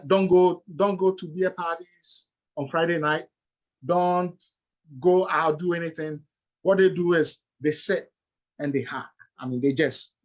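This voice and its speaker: A middle-aged man with a Ghanaian accent presents like a lecturer, his voice sitting a little high for a man. He explains things step by step and keeps stopping on "uh" and "okay" as he goes. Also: low-quality recording.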